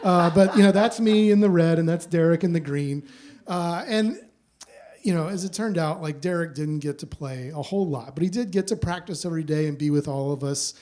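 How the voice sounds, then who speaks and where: Speaking a little fast in a fairly high, slightly mellow voice, a man hosts and tells stories at a live show. The recording comes from the stage of a small theater, where he talks in a relaxed, meandering way full of fillers.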